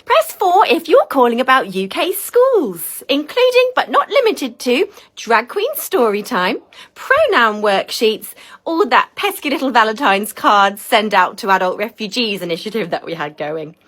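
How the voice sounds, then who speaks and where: A woman's voice: a little high, sing-song, measured pace, a bit bright, heavily acted. A woman doing a sarcastic recorded phone menu message. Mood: deadpan sarcastic.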